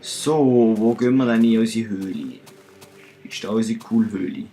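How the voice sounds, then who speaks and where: Low-voiced Swiss German man for let's play narration, chatty and self-mocking, soft music bed. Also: normal speed. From Switzerland. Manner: chatty, self-mocking, talks to himself and viewers. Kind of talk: casual gameplay commentary.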